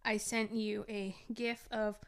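Young woman, chatty co-host, casual podcast talk, laughs a lot, mid pitch. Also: level tone, takes it slowly.

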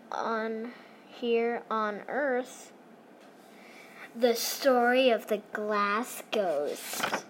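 A woman's voice: a little high, slight background noise. A woman reading as a prim alien storyteller. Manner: halting, pausing reader. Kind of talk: fan comic reading.

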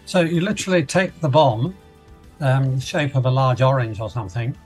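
A man's voice: medium pitch, normal speed, husky, faint music behind. An Australian man hosting a community radio programme in a chatty way, addressing listeners directly and interviewing guests.

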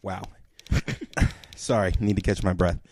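Man, podcast co-host, low voice, mellow tone, reads with dry asides. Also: steady tone, slow pace, husky, no room sound. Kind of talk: casual chat, reading a listener email aloud.

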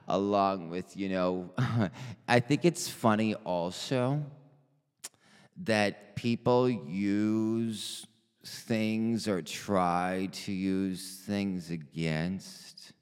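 Man, lowish voice, unhurried rambling chat with lots of false starts and swearing, recorded with a long hall echo. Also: clear, resonant tone. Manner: slow, halting, full of pauses and restarts; chatty and profane. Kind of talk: casual rambling monologue.

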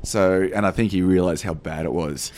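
Man podcast co-host, very low voice, playful teasing, faint hiss behind. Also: a little fast, a little mellow. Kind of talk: casual chat.

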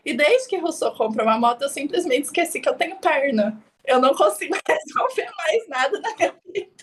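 A woman's voice: sits high, animated, a little fast, slight background noise. A young adult woman co-hosting a podcast in casual chat, playful and self-mocking, laughing often. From outside Belo Horizonte. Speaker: podcast co-host.

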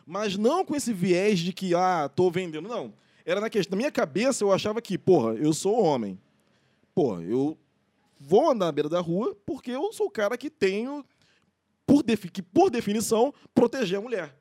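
A man's voice: high-pitched, a little fast. A man, telling personal stories in casual slangy chat with frequent laughs. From Brazil. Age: late 30s. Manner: animated storyteller, slangy, laughs often. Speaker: podcast co-host.

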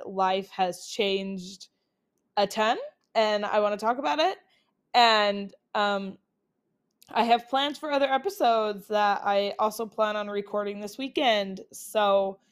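Recording on her laptop's built-in microphone, a young woman from Utah chats upbeat through her solo podcast with lots of filler words. Her mid-range voice is smooth, though still getting over colds.

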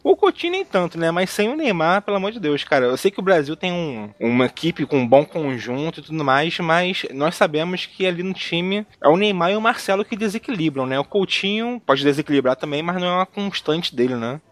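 A man's voice: a little high, expressive, brisk, hardly any pauses, dry recording. A man with a Brazilian Portuguese accent hosting a casual football podcast, talking in a joking, colloquial way full of tag questions. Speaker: podcast host.

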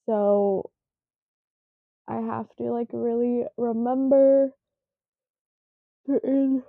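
A sleepy woman in her twenties hosts a casual podcast by herself, talking slowly, rambling self-consciously, yawning and filling gaps often. Her voice is a little high, steady and gravelly, and the recording is dry and tinny, like a phone.

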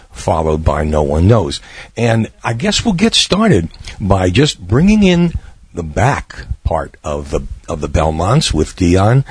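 A man hosting an oldies radio show in a conversational, halting way, his voice raspy and hoarse from being a little under the weather. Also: low-pitched, dry recording. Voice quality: husky, raspy.

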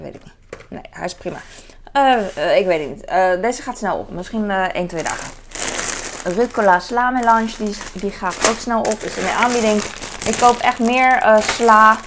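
A woman's voice: medium pitch, creaky. Casual vlogger woman, 30s, rambling haul chat, faint background hiss. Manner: chatty, rambling, many hesitations.

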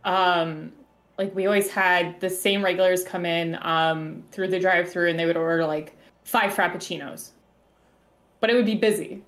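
A woman guesting on a podcast, chatting in a relaxed way and pausing often to search for words. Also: on the low side. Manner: relaxed, halting with fillers. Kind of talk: casual chat.

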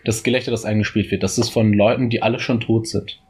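A man's voice: lowish voice, level tone, fast, a little mellow, slightly rough. A man co-hosting a casual podcast chat, joking and rambling in playful asides. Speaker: podcast co-host.

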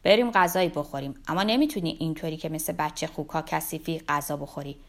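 Woman narrator doing a kindly older man, low and soft, tender and reassuring; storybook reading. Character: gentle older man, fond and protective.

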